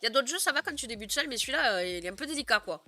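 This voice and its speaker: A woman's voice: fairly high pitch, lively intonation, rapid-fire, pushed and bright. A young woman streamer chatting casually with her viewers, giggling often and filling her talk with "euh" and "genre". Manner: chatty, giggly, many fillers. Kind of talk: casual live stream chat.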